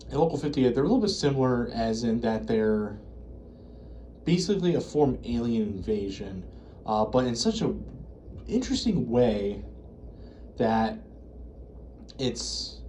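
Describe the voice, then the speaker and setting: An American man, a video creator reviewing horror series, offers casual unscripted commentary that rambles, hesitates, and corrects itself. His medium-pitched voice is mellow, with a little hiss or hum on the recording.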